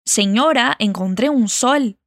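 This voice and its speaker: A woman teaching a lesson, modeling phrases slowly and carefully for learners to repeat. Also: on the high side, dry recording. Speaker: Spanish teacher. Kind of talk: language lesson narration.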